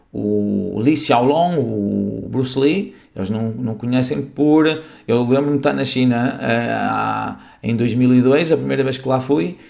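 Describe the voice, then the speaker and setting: Portuguese guy teaching a class, bit of gravel in his voice, keeps asking "ok?". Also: medium pitch, darkish tone. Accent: European Portuguese. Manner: explanatory, checks in with students often. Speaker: martial arts instructor. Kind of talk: classroom lecture.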